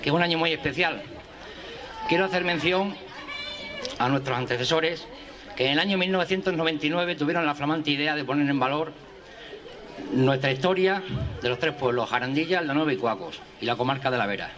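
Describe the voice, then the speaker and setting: A man's voice: fairly high pitch, a little fast, long pauses, a bit bright. A man with an accent from Spain giving a public welcome speech outdoors at a village event. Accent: Spanish from Spain. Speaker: event speaker. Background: light crowd.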